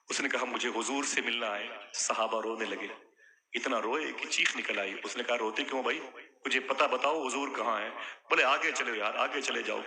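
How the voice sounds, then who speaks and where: A man giving an emotional storytelling sermon who climbs to loud, high calls to his listeners. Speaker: preacher. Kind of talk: Urdu religious sermon with storytelling. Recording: live recording with a crowd. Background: audience crowd clearly heard.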